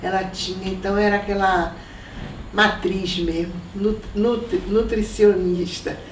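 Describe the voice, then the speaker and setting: An older woman from Salvador, recalling her family in an oral history interview at an unhurried pace. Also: mid-range voice, fairly even intonation, recorded from a distance. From Salvador, Brazil. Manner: reminiscing, unhurried, with soft laughs. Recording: echoey room, voice from off mic, faint noise.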